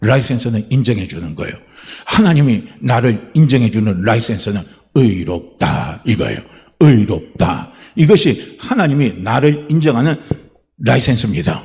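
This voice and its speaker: A middle-aged male pastor delivers a sermon with a fairly high voice that swoops up and down with lively emphasis. He keeps asking the congregation questions and answers them himself. He also slips into the voices of the people he quotes. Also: gravelly. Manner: animated preaching with rhetorical questions to the congregation; acts out quoted voices in a raised tone.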